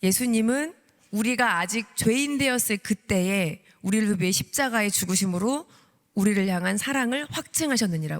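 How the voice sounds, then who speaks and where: A woman in her thirties tells a testimony from a church pulpit, acting out her own prayers with animated storytelling. Her voice sits at an ordinary middle pitch. The sound carries a long reverb from the church hall. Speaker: deaconess giving a testimony. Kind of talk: testimony sermon. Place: church sanctuary.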